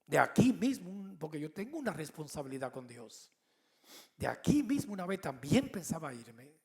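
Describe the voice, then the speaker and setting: Pastor de mediana edad, voz algo aguda y rasposa, sermón narrado con humor. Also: male voice, a little high, moderate pace. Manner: animated storytelling with humor. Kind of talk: sermon.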